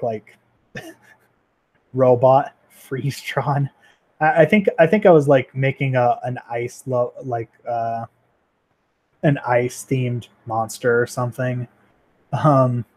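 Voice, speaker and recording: A young man in his twenties talks casually over a livestream with a mid-range voice. He rambles, restarts sentences and fills gaps with ums and likes. He pokes gentle fun at himself as he goes. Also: medium pitch. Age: 20s. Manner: rambling, self-deprecating, lots of fillers and restarts. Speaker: 3D animator livestreaming.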